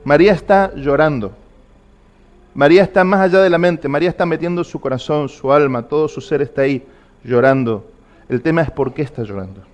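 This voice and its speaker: A man's voice: on the high side, fairly quick. Man preaching with earnest questions. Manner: earnest, repetitive questions to the listener. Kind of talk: sermon.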